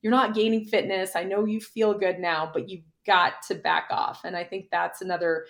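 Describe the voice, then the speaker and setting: A woman's voice: lowish voice, level tone, gravelly, a bit bright. A middle-aged woman, a former pro cyclist and coach, chatting casually in an interview and telling stories with lots of "like". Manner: chatty, quick storyteller with frequent "like".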